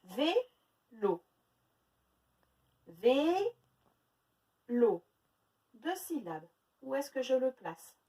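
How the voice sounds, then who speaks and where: A woman teaching a phonics lesson to young children, sounding out words slowly syllable by syllable. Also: high voice, sing-song, dark tone, distant mic, rough recording. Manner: slow, exaggerated syllable-by-syllable pronunciation. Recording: faint noise, voice a little off-mic.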